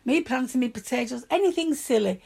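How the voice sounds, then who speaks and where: An older woman speaks with a broad Yorkshire accent in a fairly high voice. It is husky, with a creaky edge. She chats casually and gives her views in a plain, emphatic manner. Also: lively intonation, a little fast, darkish tone. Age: older, grandmother. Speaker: interview guest. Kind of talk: casual chat.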